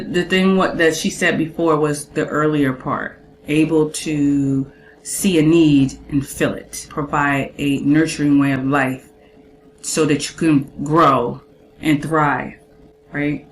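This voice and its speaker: Woman, chatty commentator, lower voice, faint background noise. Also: steady tone, takes it slowly, roomy sound, poor audio. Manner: chatty, quizzes the viewer, lists traits. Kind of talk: casual commentary on a clip.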